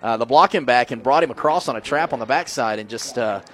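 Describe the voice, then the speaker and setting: Fast-talking male color commentator. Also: mid-range voice, fairly bright tone. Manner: conversational, explains blocking schemes, many fillers.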